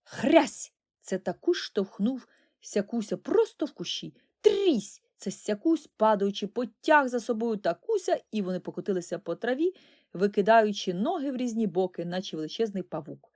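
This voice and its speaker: Lively woman narrating a storybook. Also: mid-range voice, brisk. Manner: expressive, lively. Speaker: audiobook narrator.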